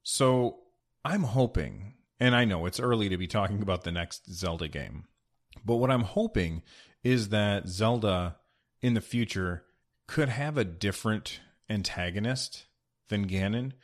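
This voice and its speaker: A man with a lowish voice hosts a podcast on his own, talking in a chatty, rambling way. His voice bounces around an unfinished studio room and comes back with a clear echo. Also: expressive, unhurried. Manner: chatty and rambling, many fillers. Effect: echoey half-finished room. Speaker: podcast host. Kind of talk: casual solo podcast talk.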